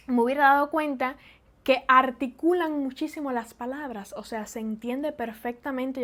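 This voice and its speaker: High-voiced Cuban woman vlogging. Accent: Cuban Spanish. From Cuba. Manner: animated, laughs often, acts out loud fast speech. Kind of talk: casual vlog monologue.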